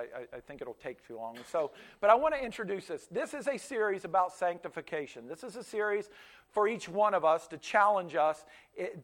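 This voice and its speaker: With a high-pitched voice, a pastor in his fifties whose native tongue was Pennsylvania Dutch gives a sermon in a chatty, storytelling style. He frequently starts over and repeats words.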